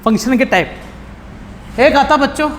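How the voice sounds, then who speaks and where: A man's voice: very high-pitched, animated, moderate pace, fairly bright tone. A male math teacher giving a casual classroom lecture, asking his students questions and answering them bluntly. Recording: hall reverb with faint background noise.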